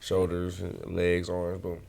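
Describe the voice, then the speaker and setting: A man's voice: sits low, completely flat delivery, takes it slowly, gravelly, darkish tone. A man with the hiccups, earnestly telling a personal story in casual podcast chat. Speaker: podcast host.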